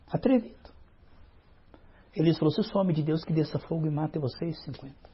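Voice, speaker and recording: Male pastor, raised husky voice, storytelling sermon, lo-fi church recording. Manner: storytelling preacher, acts out dialogue. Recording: muffled low-fidelity recording.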